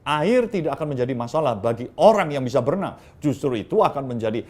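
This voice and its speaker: A man's voice: medium pitch, big pitch swings, quick pace, a little mellow. A male pastor giving a conversational sermon, acting out quoted dialogue with his listeners. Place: church livestream.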